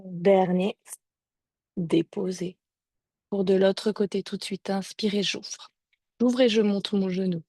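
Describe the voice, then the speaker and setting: A woman leads a yoga class, calling out each movement and breath in a calm, step-by-step way. She speaks slowly and without hurry, her voice at an ordinary middle pitch. The sound is dry and close, as through a video call microphone. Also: breathy edge, no room sound. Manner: calm, slow step-by-step instructions with breath counts. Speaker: yoga teacher. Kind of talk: guided yoga class cues. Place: home or studio, streamed on a video call.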